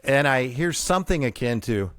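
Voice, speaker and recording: An animated man hosts a radio show and tells a long personal story, laughing along with it. His voice sits in a middle pitch range. The sound is dry and close, with no room echo. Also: moderate pace, smooth. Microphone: radio studio mic.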